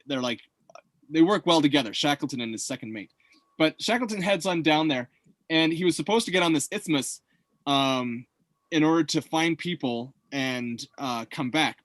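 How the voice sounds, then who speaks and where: A man's voice: on the high side, fairly bright tone, dry recording. A man hosting a casual chat, rambling with many fillers and restarts. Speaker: host.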